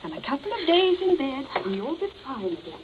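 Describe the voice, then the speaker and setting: A woman's voice: high voice, very animated, brisk. An actress playing a prim, fussy middle-aged mother in a 1940s radio play. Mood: fussing. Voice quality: prim, fussing. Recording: dull old radio recording, faint hiss.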